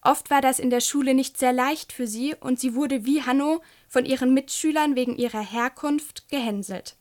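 A woman reading a children's book aloud and talking gently to young listeners. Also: sits high, normal speed. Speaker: storyteller.

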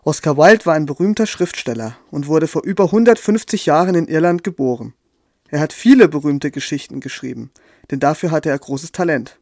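A man telling a fairy tale in a gentle, measured storytelling manner. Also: a little high, no room sound, clean studio sound. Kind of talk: scripted storytelling.

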